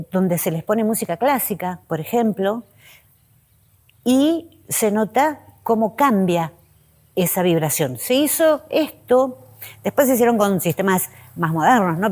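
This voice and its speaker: Slow, pausing woman host. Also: animated. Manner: slow, pausing, list-like delivery with soft drops in pitch. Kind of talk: reflective spiritual talk.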